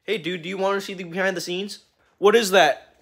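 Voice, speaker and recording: This short-skit creator, a teen or young adult guy, films casual comedy bits into a phone at arm's length, usually in a messy home garage. His voice is high and a little fast with vocal fry and fairly even intonation, over a noisy background, while he stays goofy, slangy, and profane, frequently erupting into yells.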